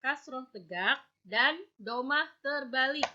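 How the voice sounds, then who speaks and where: Female teacher, clear bright tone, slightly high, patient and deliberate. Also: expressive, a little hiss or hum. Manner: slow, patient explaining, drawing out example words; checks understanding with "ya" and "oke". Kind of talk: Quran recitation lesson for students. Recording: dull lo-fi recording.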